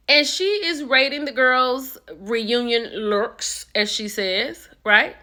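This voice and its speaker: Chatty bright-voiced woman. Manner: chatty and animated, with sudden high excited jumps. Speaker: reality TV commentary host. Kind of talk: casual chat.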